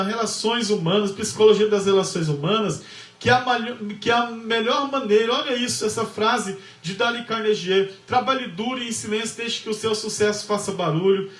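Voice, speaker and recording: Pastor, high voice, kinda far from the mic, repeats stuff for emphasis. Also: male voice, moderate pace, a bit bright. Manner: emphatic storyteller, repeats phrases, acts out dialogue. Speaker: pastor and lecturer. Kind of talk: preaching lecture with storytelling. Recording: echoey room, voice from far off.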